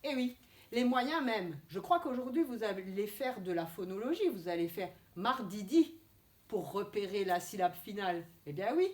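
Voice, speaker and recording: A woman teaches kindergartners handwriting, explaining each stroke precisely and being gently firm with them. Her mid-range voice has lively intonation that rises and falls a lot, at normal speed. The classroom adds a noticeable echo, with slight background noise.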